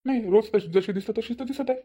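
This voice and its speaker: A woman voicing a teasing, always-hungry elderly village father-in-law in a cartoon, with a low husky voice. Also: quick pace, mellow, muffled recording. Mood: impatient. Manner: teasing, chuckling. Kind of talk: cartoon voice acting.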